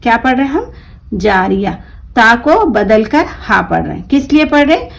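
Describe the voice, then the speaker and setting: A Quran reading teacher with a high, creaky, sing-song voice moves briskly through a lesson. She asks her class questions, answers them herself, and drags out the example words. The recording is rough.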